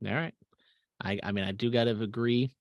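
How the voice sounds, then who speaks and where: Dude co-hosting a podcast, loose and sweary, voice drops off at the ends, close dry mic. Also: male voice, medium pitch, fairly even intonation, brisk, no room sound. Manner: casual and profane, trailing off into mumbles. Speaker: podcast co-host. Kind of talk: casual chat.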